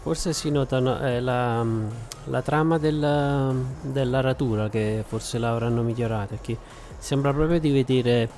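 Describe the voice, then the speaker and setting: A man's voice: mid-range voice, measured pace, darkish tone, soft background music. A man chatting casually as he hosts a live stream of a farming game. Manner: courteous, effusive greetings to viewers. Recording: clear vehicle engine noise behind voice.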